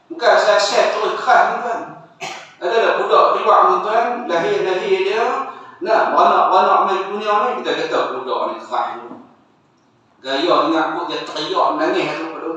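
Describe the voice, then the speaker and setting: Male preacher, high voice, rhetorical mosque sermon, recorded from afar. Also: fairly bright tone. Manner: addresses audience repeatedly, asks rhetorical questions. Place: mosque hall. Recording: echoey hall, distant and dull mic.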